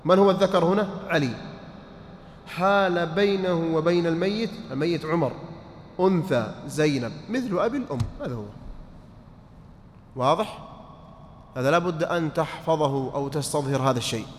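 A man's voice: a little high, moderate pace, long pauses. A man teaching a mosque lesson on inheritance law, quizzing his students, repeating points and checking that they follow. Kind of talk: mosque study-circle lesson. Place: large mosque hall. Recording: reverberant mosque hall, faint noise.

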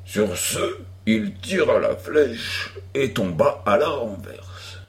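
A man reading an audiobook aloud in a deliberate, expressive manner. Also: mid-range voice, vocal fry. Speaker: audiobook reader. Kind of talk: audiobook narration.

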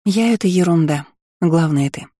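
A man reading an audiobook voices a young woman friend who speaks in a brisk, encouraging way. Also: fairly high pitch, warm tone, no echo, clean studio sound, lightly acted.

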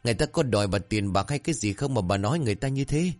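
A man playing a stern, worried old village husband who speaks gruffly. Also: on the low side, expressive, rapid-fire, darkish tone, lightly acted. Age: older. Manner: gruff, scolding.

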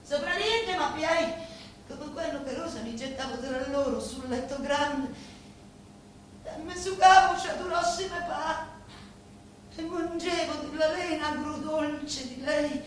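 In a theatrical monologue in dialect-laced Italian, a woman with a Sicilian accent and a high-sitting voice plays the grieving, vengeful daughter of murdered parents, confiding in a boss. Her delivery is halting and incantatory, full of repeated words, with a dazed, mournful mood. The stage recording is echoey, distant and faintly noisy.

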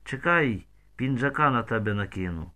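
A man voicing a grown village man who speaks softly and tenderly, soothing a frightened girl in an audiobook. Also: medium pitch, animated, moderate pace. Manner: soft, hushed, soothing.

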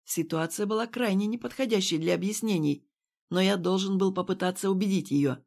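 A woman's voice: mid-range voice, fairly quick, creaky, a little mellow. A woman narrating an audiobook in the first person. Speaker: audiobook reader. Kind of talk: scripted narration.

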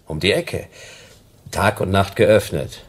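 An actor playing a stubborn private detective with a dry, sardonic manner in a radio drama. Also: male voice, sits low, extremely slow, husky, exaggerated voice.

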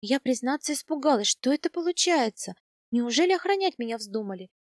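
A woman reading a first-person novel aloud, soft and intimate in tone. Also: high-pitched, expressive, fairly quick, no room sound, clean studio sound. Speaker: audiobook narrator.

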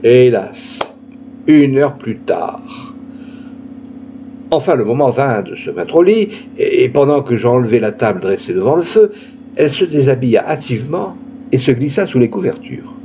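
A man reading a classic story aloud in an expressive literary style, with dramatic emphasis. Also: normal speed, dull audio, a little hiss or hum. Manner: dramatic, shifting pitch for emphasis.

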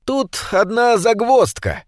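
A man's voice: extremely high pitch, sing-song, slow pace, no echo, clean studio sound, voice pushed up, full character voice. A man voicing an eager middle-aged nephew who exclaims and frets.

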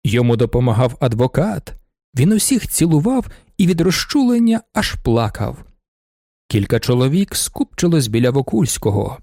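A man's voice: medium pitch, very animated, moderate pace, warm tone, no room sound, studio quality. A man narrating a classic novel as an audiobook, reading expressively.

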